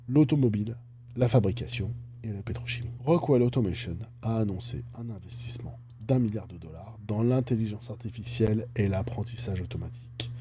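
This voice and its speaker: A man talks through a company's stock analysis in a casual, chatty way and keeps adding jokey asides. His voice is mellow and somewhat dark. A faint hum sits under the recording. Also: on the low side. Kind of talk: casual finance commentary.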